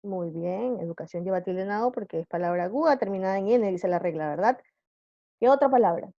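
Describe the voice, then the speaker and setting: A woman's voice: mid-range voice, brisk, warm tone, no echo, lo-fi sound. A woman teacher giving a live online class, patiently quizzing her students with questions.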